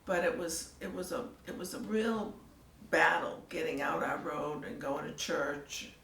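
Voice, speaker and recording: An older woman telling her story in a casual interview, soft-spoken and trailing off into near-whispers. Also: low-pitched, measured pace, slight background noise. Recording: echoey room, mic at a distance, faint ambience.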